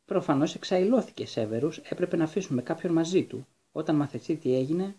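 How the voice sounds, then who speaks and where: A man's voice: on the high side, lively intonation, dark tone, slightly rough. A man voicing a harried, blustering middle-aged government minister in a raised, exasperated voice while reading a storybook. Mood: worried.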